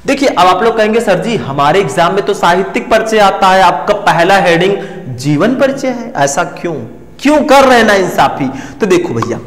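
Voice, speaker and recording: A high-voiced male teacher goes through exam questions in a chatty way, talking straight to his students and breaking into a sung line now and then. His voice rings in an echoey room with a long tail of reverb. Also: a bit bright. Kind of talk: exam-prep lecture.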